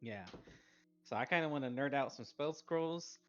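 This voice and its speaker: A man's voice: medium pitch, moderate pace, soft background music. Giggly male player on a dull mic. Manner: laughs often, easygoing. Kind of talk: casual chat at a tabletop game.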